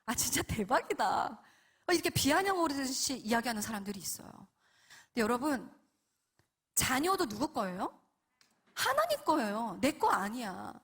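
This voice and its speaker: Husky-voiced woman giving a testimony. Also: a little high, sing-song, normal speed, pauses often, fairly bright tone. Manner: earnest, addresses the audience with questions. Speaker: guest speaker at a prayer meeting. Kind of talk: testimony sermon.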